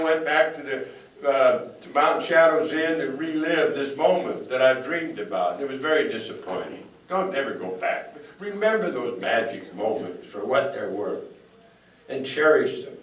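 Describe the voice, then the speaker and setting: A man's voice: fairly high pitch, moderate pace, fairly bright tone, slight background noise. An older man giving a folksy, anecdotal speech to an audience in a hall. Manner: folksy, anecdotal, quotes others in voices. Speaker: speaker. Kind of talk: storytelling speech. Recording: echoey hall, mic at a distance.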